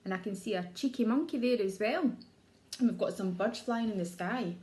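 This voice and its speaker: A woman with a medium-pitched, slightly mellow voice reads a children's storybook aloud at a brisk pace. Like an early years teacher, she reads expressively and asks questions of her young listeners.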